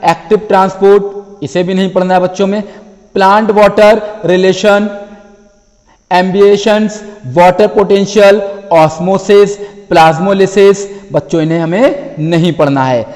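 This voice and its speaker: High-voiced male teacher in a reverberant hall. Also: steady tone, a little mellow. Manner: addresses students as children, repeats phrases; reads English topic names slowly from a list. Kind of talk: exam syllabus lesson.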